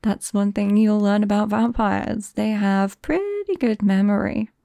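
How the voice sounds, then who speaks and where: In an intimate ASMR roleplay, a British-accented woman plays a shy, awkward vampire girl whose soft, mellow, mid-range voice has a creaky edge and often drops to a whisper. She speaks slowly and hesitantly, gentle and bashful yet teasing and fond with her best friend. The recording is dry and clean, studio quality.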